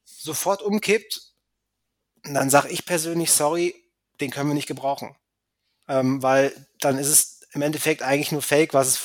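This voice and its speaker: A man's voice: medium pitch, dry recording. Hesitant man arguing football, lots of ums. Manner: hesitant, many fillers and restarts; opinionated, argues his view. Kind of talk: casual football chat.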